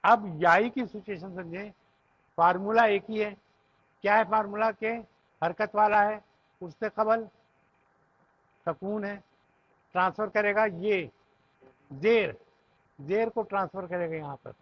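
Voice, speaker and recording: A man with an Urdu accent teaches Arabic grammar, reciting conjugations one after another in a slow, patient way. His voice sits high and a little husky. The recording is dull and lo-fi. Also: no echo. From Pakistan. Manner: patient, recites conjugations in chanted lists, often checks "theek hai". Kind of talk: classroom lesson, reciting verb forms.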